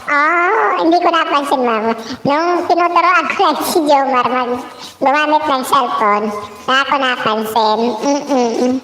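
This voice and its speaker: A woman's voice: sits high, measured pace, sharp tone. A woman chatting casually on a live stream, reading out viewer comments. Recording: echoey room with music behind.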